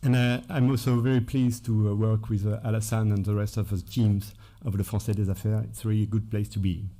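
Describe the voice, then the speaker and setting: Male conference presenter, mellow, hesitant, lots of fillers. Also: lowish voice, little pitch movement, fairly quick. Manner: hesitant, many fillers, self-corrections. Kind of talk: conference talk with scripted dialogue. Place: conference room.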